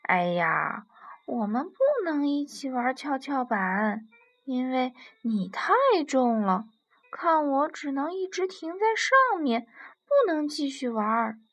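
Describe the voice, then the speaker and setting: A woman's voice: sits high, big pitch swings, slow, fairly bright tone, heavily acted. A woman voicing a small, cheerful mouse with a light, chirpy manner in a storybook.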